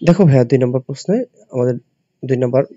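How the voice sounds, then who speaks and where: This classroom-style lesson features a Bangladeshi male teacher with a mid-range, mellow voice who talks fast as he teaches English spelling to admission students. He works step by step, spelling letters and constantly asking questions, in a dull, dry lo-fi recording without room sound.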